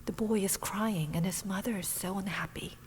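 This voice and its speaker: A woman voicing a sad young prince who is a golden statue, in a whispered role-play with a low, slow, sorrowful whisper. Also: a little hiss or hum, close to an everyday voice, rough recording.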